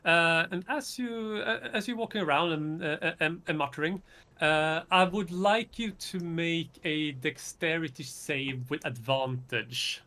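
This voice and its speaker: A man's voice: a little high, measured pace, bright, forceful tone. A man improvising narration as game master, hesitant and often searching for words.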